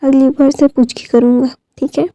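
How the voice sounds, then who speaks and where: A woman voicing a young man, a doting fiancé who talks in a soft, coaxing way. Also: sits high, flat delivery, normal speed, no room sound, lo-fi sound.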